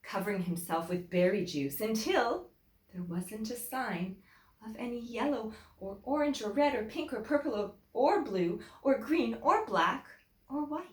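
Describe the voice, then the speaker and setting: Recorded in an echoey room, a female teacher with a slightly high voice reads a picture book to children, using emphatic, expressive phrasing and a deliberate pace suited to young ears.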